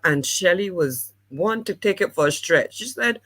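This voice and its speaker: A woman hosts a podcast with a croaky, slightly worn voice. She talks in an earnest, encouraging coaching manner, steady and sincere in a casual chat. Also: fairly low pitch, moderate pace. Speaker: podcast co-host and life coach.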